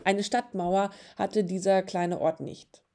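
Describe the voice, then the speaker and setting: Gentle woman narrating a storybook. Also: mid-range voice, fairly even intonation, slow pace.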